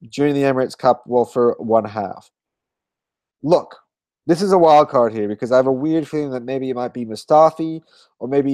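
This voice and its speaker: A tired man talks football on a podcast in a mellow, darker voice, rambling along and often correcting himself with fillers. The sound is dry and close, with no room around it. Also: medium pitch, no room sound. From Australia. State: tired, yawning. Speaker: podcast co-host. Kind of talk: casual football chat.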